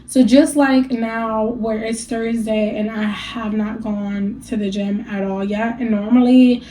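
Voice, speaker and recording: A young adult woman talking casually to her viewers in a mellow, slightly high voice. She is candid and encouraging, chats openly, and sounds a little stuffy from allergies. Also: steady tone, a little slow, slight background noise, poor audio. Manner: chatty, candid and encouraging, laughs often. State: allergies, a bit stuffy after a rough night. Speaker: vlogger sharing a weight loss journey. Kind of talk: casual talk to camera.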